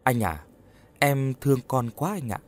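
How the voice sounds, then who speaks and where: A man's voice: medium pitch, sing-song, unhurried. A man voicing the tearful ghost of a young wife in a storybook horror tale. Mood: grieving. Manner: tearful, pleading. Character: grieving young wife's ghost, tender.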